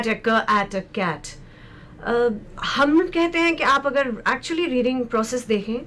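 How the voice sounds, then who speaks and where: A woman teaching as a special education expert, speaking in a slow, deliberate way and mixing Hindi with English. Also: fairly high pitch, slight background noise. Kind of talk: explanatory lecture discussion.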